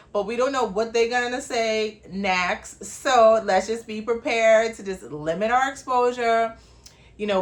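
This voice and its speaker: A woman from the Bahamas, hosting her own show and talking casually, chatty and laughing, with quick asides. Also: a little high, fairly bright tone. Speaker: host. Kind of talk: casual talk-show monologue.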